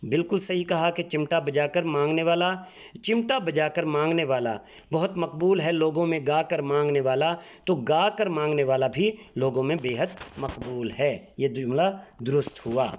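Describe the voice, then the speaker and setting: A man from Pakistan, teaching a textbook exercise patiently and spelling words out letter by letter. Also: fairly high pitch. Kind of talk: Urdu textbook exercise lesson.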